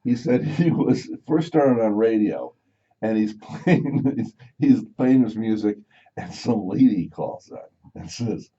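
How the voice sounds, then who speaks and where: This morning radio host has a lowish, husky, mellow voice and takes his time, animated as he rambles through jokey stories and imitates the people he quotes. It's chatty studio talk, heard through a slightly muffled broadcast.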